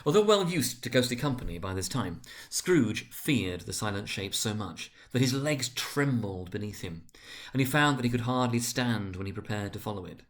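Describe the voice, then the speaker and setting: A man's voice: fairly low pitch, animated, moderate pace. Man giving a grave, theatrical story reading. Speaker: narrator, dramatic reader. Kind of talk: dramatic storybook narration.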